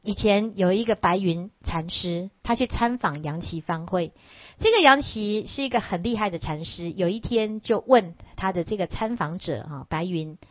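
A woman giving a Buddhist dharma talk, telling a Zen story with lively storytelling and acting out the characters. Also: medium pitch, no echo. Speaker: Buddhist teacher. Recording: tinny phone-like dry sound.

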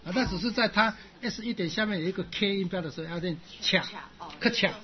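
Male teacher, slightly high voice, patient slow drilling; lo-fi classroom tape, crowd chatter behind. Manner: patient, repeats syllables slowly for learners. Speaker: language teacher. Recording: dull lo-fi classroom recording with chatter.

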